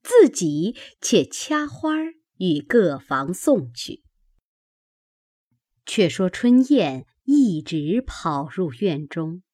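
A woman narrating a classic novel aloud with expressive storytelling. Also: mid-range voice, no echo, clean studio sound. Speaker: audiobook reader.

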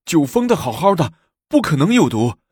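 A man's voice: fairly high pitch, big pitch swings, normal speed, darkish tone, breathy edge, dry recording, studio quality, pitched above the performer's own voice. A male storyteller voicing a timid, easily flustered emperor who talks in a fretful, stammering way in a storybook reading.

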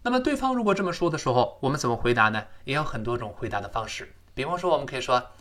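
Lively, bright-voiced male English teacher. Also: medium pitch. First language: Chinese. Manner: explains and models English phrases, repeating them slowly. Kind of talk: recorded language lesson.

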